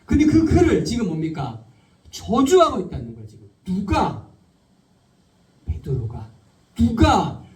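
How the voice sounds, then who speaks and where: A male pastor preaching a sermon, firing rhetorical questions at the congregation and slowing down to stress key words. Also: high voice, wildly swooping pitch, darkish tone. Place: church sanctuary. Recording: roomy hall, speaker far from the mic.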